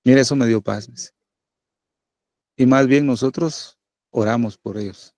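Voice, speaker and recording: A middle-aged pastor preaches in a friendly, conversational way, checking in with his listeners again and again. His voice has a gravelly edge and sits at an ordinary pitch for a man. The sound is close and dry, with almost no room around it. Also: unhurried, darkish tone, dry recording. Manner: conversational preaching with many tag questions. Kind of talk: sermon.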